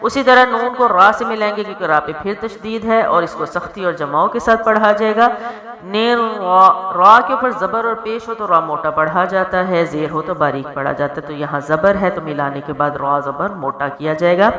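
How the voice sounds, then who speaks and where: A woman's voice: on the low side, roomy sound, a crowd in the background. A woman teaching Quran recitation step by step, patiently explaining each sound and checking that her students follow.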